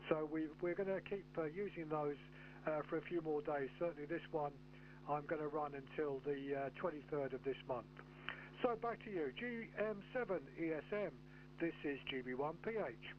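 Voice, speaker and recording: Through dull, humming, noisy audio comes a man with a high-pitched voice operating an amateur radio station. He talks in radio contact style with spelled-out callsigns, in a methodical and somewhat hesitant manner. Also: normal speed.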